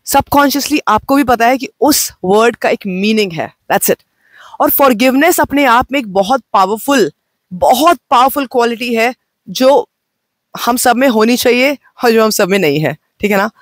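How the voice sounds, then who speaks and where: A woman life coach gives a gentle, slow self-help talk, mixing Hindi and English. She is unwell and says her voice sounds off. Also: fairly high pitch, expressive, no echo. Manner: mixes Hindi and English, speaks slowly and gently. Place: outdoors on location.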